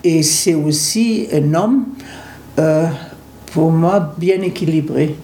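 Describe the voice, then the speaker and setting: A man answers interview questions in a halting way, often stopping to search for the next word. His voice is mellow and warm. The recording has a roomy echo and faint background noise. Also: on the high side. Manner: hesitant, searching for words with many fillers. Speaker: interview guest.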